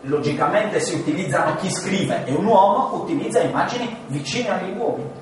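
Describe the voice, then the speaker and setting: A man teaching a class on Genesis, animated and full of rhetorical questions, sometimes acting out voices. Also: sits high, a little fast, a little hiss or hum. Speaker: Bible teacher. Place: large room with listeners. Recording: echoey hall, distant mic.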